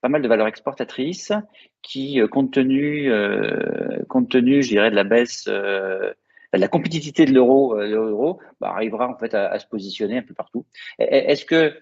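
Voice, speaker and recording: A man's voice: mid-range voice, moderate pace, vocal fry, darkish tone. A man moderating a conference panel, putting questions with many fillers and restarts. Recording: dull lo-fi sound.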